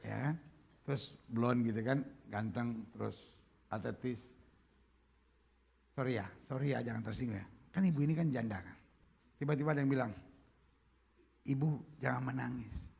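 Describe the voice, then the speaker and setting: A man's voice: medium pitch, normal speed, creaky, pauses often, breathy edge. A male pastor preaching a humorous sermon, joking and mimicking how different people speak. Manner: lively, jokey, mimics accents and voices.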